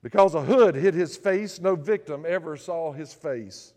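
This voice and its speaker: A man's voice: a little high, a little slow, darkish tone, big-room sound. A male pastor preaching a sermon, praying and telling humorous stories to his congregation.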